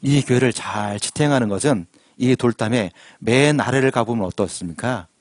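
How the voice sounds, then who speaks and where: A man's voice: medium pitch, normal speed, dry recording, clean studio sound. A man preaching a sermon as pastor, asking the congregation questions and drawing call-and-response. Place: church sanctuary.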